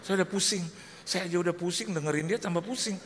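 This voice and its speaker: A man's voice: high voice, fast. A man, a pastor, preaching a sermon and telling a comic story, acting out the other people in it with voices. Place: church hall. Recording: long echo of a large hall, faint noise.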